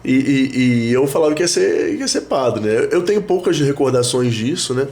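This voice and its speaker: A priest, talking reflectively in a casual interview, with many fillers and restarts. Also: male voice, mid-range voice, expressive, normal speed, a little mellow. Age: 30s. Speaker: priest, guest. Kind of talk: casual conversation.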